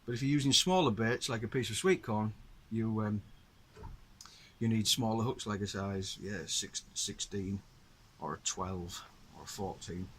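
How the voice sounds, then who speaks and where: Unhurried and fairly low-pitched, the host's voice is a bit bright and slightly rough. He is a middle-aged man from the north of England with a Northern English accent, patiently explaining his gear to viewers in a casual show-and-tell.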